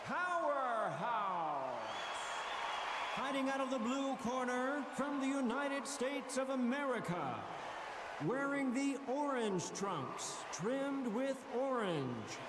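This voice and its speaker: Boxing ring announcer, video game, grand drawn-out calls, very high pitch, big hall echo, crowd behind. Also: male voice, big pitch swings, exaggerated voice. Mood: formal, showy. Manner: grand, stretched-out, projected delivery. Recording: echoey arena PA with crowd noise.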